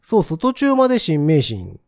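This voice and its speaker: Male podcast co-host, Kansai accent, colloquial and inquisitive, soft mellow tone, dry close sound. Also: a little high, huge pitch swings, normal speed, creaky, no room sound. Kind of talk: casual chat.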